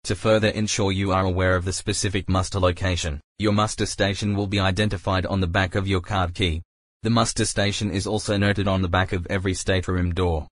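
A man reading a scripted safety announcement in a formal, measured manner. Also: low-pitched, little pitch movement, no echo.

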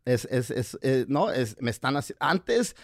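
A man's voice: mid-range voice, big pitch swings, creaky, dry recording, clean studio sound. Older man, slangy casual chat. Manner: crude slang-filled, halting restarts. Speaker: comedian co-host.

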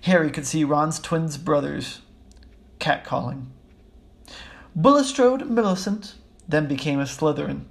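A man reading a children's book aloud in a steady, even way, with small slips. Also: a little high, unhurried, gravelly, long pauses. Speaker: audiobook reader. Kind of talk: storybook reading.

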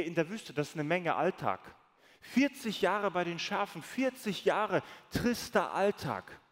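A man preaching as a pastor, telling stories with lively acted-out quotes. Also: sits high. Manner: storytelling, animated, acts out quoted voices. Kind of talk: sermon. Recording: long reverb of a large hall.

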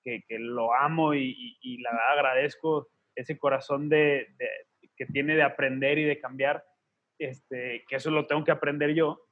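A man's voice: mid-range voice, level tone, moderate pace, phone-quality sound. A man, co-hosting a faith podcast and telling personal stories earnestly with slangy asides. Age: 30s. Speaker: podcast co-host. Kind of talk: casual faith podcast conversation.

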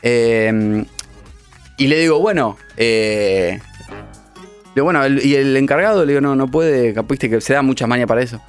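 Un hombre joven con acento rioplatense que cuenta anécdotas con ánimo e imita las voces de otros en una charla casual. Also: male voice, medium pitch, normal speed, clean tone, soft background music. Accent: Rioplatense Spanish. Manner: animated, acts out quoted voices. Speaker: radio show co-host. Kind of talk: casual storytelling chat.

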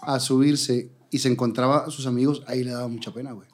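A Mexican-accented male host who talks at a brisk clip. He drops in short, slangy remarks and questions. His pitch is ordinary for a man. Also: steady tone, a little mellow, a little hiss or hum. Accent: Mexican Spanish. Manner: quick, slangy interjections. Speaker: interview host. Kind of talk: casual interview chat.

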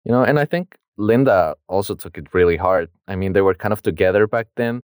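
Smooth-voiced young man chatting casually. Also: on the low side, a little mellow, no echo, clean studio sound. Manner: chatty, slangy retelling with laughs and quick voiced asides. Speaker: podcast co-host. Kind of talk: casual book discussion.

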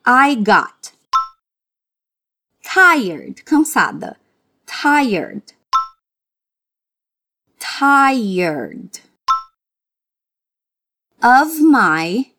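A woman with a Brazilian Portuguese accent, teaching English in a podcast lesson and drilling phrases word by word with clear, careful pronunciation. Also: a little high, sing-song, sharp tone. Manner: slow, clearly enunciated drilling that breaks phrases into single words. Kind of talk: podcast language lesson with repeat-after-me drills.

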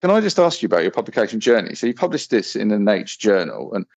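A man hosts a podcast, firing blunt, probing questions in a conversational interview. His gravelly voice is sing-song and quick. The recording is dry, muffled, and low-fidelity.

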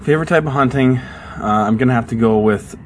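In a casual podcast chat, a young co-host from the southern United States rambles through stories with lots of fillers, speaking in a northern Minnesotan accent. His voice is medium-pitched and a little fast, with slight background noise behind it.

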